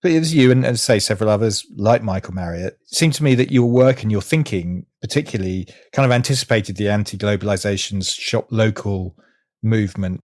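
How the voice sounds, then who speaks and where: A man hosting an interview, asking long, measured, carefully framed questions. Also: on the low side, darkish tone, no room sound, studio quality. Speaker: interview host.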